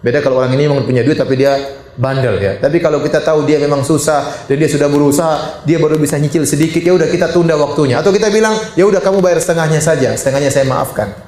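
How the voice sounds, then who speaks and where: Lively echoey preacher man. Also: quick pace. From Indonesia. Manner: lively, joking, pitch rising high on emphasis. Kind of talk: sermon. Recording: echoey hall.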